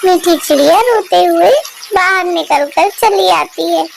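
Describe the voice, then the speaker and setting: A woman's voice: very high-pitched, unhurried, vocal fry, slight background noise. A woman narrating a children's cartoon story in simple, plain storytelling.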